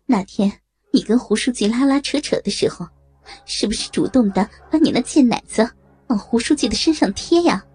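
A woman's voice: a little high, animated, normal speed, darkish tone, husky, faint music behind. A woman playing a vicious cursing village chief. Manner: snarling, insulting.

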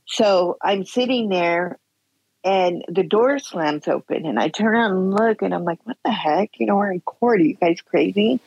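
A woman's voice: mid-range voice, a little mellow, breathy edge, no echo. A middle-aged woman telling her own story as a podcast guest, blunt and candid, acting out what people said. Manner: blunt, retells scenes with quoted dialogue. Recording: dull lo-fi sound.

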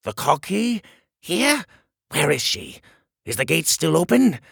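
A man voicing a tiny, arrogant king with a strange, shrill voice who snarls at everyone. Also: huge pitch swings, takes it slowly, creaky, a bit bright, no room sound, clean studio sound, heavily acted. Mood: alarmed.

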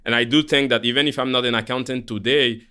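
Speaking quickly in a steady, medium-pitched voice with a sharp, clear, resonant tone, a man from Haiti co-hosts a podcast. A native speaker of Creole and French with a Haitian French accent, he is a portfolio manager talking conversationally about his career in an interview.

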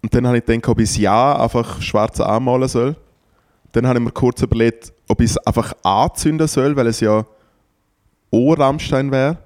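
A man's voice: medium pitch, fairly even intonation, moderate pace, a little mellow, no echo. A man with a Swiss German accent, co-hosting a comedy podcast and dropping dry one-liners and teasing asides. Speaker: podcast co-host. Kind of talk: casual comedic chat.

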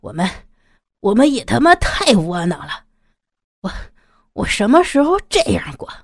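A woman voicing a hot-tempered, scarred young male gang underling who talks in a placating or blustering way, with lively pitch in a dry recording. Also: measured pace, no room sound. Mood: furious.

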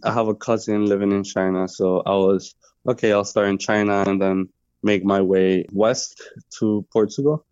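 Hesitant young Colombian man, flat low voice. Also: normal speed, smooth, no room sound, highs cut off. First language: Spanish. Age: 20s. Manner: hesitant, many fillers and restarts. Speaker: guest. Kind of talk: interview conversation.

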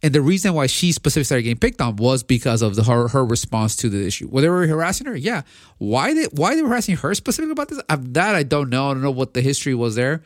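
A man's voice: mid-range voice, big pitch swings, fast talker, no echo, studio quality. A man co-hosting a podcast, giving his opinion in casual debate, often restarting and repeating words as he thinks aloud. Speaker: podcast co-host.

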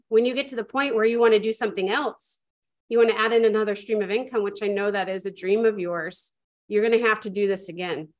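A woman co-hosting a podcast, coaching a guest with gentle, probing questions. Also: medium pitch, fairly even intonation, brisk. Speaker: podcast co-host and business coach.

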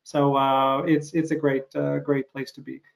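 A man interviewing a guest on a video call, rambling and self-deprecating, with frequent halting restarts. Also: mid-range voice, little pitch movement, gravelly. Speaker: interviewer host. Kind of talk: casual interview chat.

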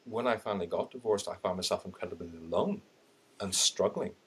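Brisk and husky, with a voice that sits low, a middle-aged Irish man tells his story on a podcast where he's a guest as a sales and LinkedIn trainer. He openly and animatedly acts out what he thought then, laughing in between.

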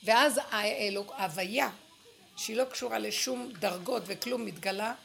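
A woman's voice: medium pitch, gravelly, a bit bright. A woman sharing spiritual experiences with a small group, impassioned and exasperated, often repeating her words. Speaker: group sharer.

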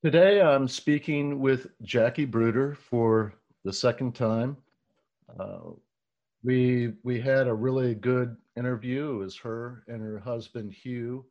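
A man hosting a podcast, reading a measured introduction and then asking questions with frequent ums and uhs. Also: medium pitch, fairly even intonation, darkish tone, lo-fi sound. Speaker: podcast host. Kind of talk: scripted intro then casual interview.

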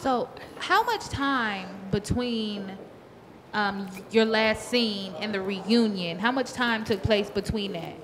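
A woman co-hosting a casual interview, asking drawn-out, structured questions. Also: medium pitch, long reverb tail, noisy background. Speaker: co-host.

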